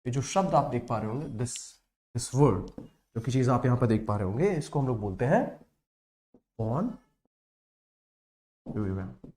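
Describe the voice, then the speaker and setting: A man teaching English vocabulary in a lesson that mixes Hindi and English. He explains slowly and keeps checking with "right?" and "correct?". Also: mid-range voice, expressive, darkish tone. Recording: echoey room.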